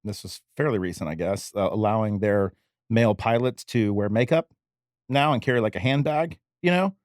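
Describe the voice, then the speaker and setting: Rambling offhand podcast co-host. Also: male voice, lowish voice, moderate pace, darkish tone, no room sound, studio quality. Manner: rambling, loose, offhand facts with fillers. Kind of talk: casual podcast banter.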